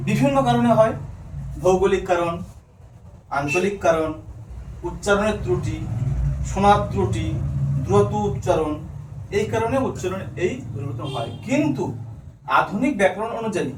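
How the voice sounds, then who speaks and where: A man's voice: high-pitched, a bit bright. Man, Bengali accent, demo classroom lesson, self-answered questions, distant mic, faint background noise. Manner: asks questions and answers them himself. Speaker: teacher candidate giving a demo lesson. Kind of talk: classroom teaching demonstration. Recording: echoey room, far mic, faint noise.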